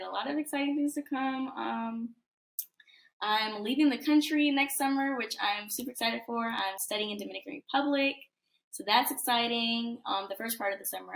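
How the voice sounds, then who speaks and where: A woman's voice: fairly high pitch, a little fast, vocal fry, a bit bright. A young woman in her twenties, a college student guest, chatting in a casual interview over a video call, upbeat and full of fillers. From United States. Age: 20s.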